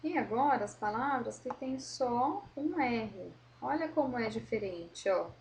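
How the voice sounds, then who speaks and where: Slow, patient woman teacher. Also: a little high, expressive, a little hiss or hum. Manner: slow, drawn-out modelling of words, patient explaining. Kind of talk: correcting a school worksheet for children.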